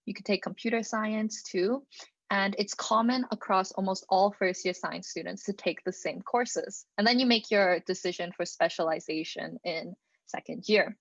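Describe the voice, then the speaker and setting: A young woman from Alberta, Canada, gives a student presentation over a video call on a computer mic, speaking casually with lots of "um" and "like." Her mid-range voice moves at a moderate pace with vocal fry, and the recording is dry with the highs cut off.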